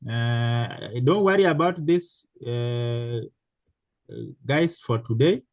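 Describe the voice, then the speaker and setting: A man teaching a programming class in a slow, halting way, with many fillers and restarts. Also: medium pitch, expressive, dry recording. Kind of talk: live online class instruction.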